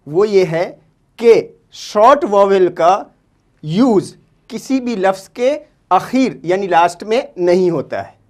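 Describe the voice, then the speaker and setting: A woman's voice: medium pitch, darkish tone. A woman teaching a children's language lesson, patiently repeating each word and spelling it out sound by sound, checking in often. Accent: Indian Hindustani. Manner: patient, repeats words slowly and syllable by syllable.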